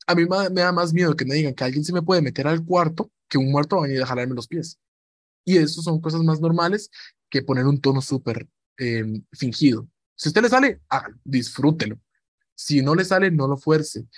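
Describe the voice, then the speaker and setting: A man's voice: on the high side, no echo. A man gives an informal lesson on radio presenting, chatty, repeating himself and acting out example voices.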